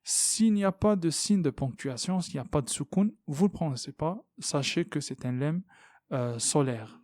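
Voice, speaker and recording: A man's voice: fairly high pitch, animated, a little mellow, no echo. Patient man teaching recitation pronunciation. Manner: patient, repeats sounds slowly, many fillers. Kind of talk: tajwid lesson, explaining and demonstrating pronunciation.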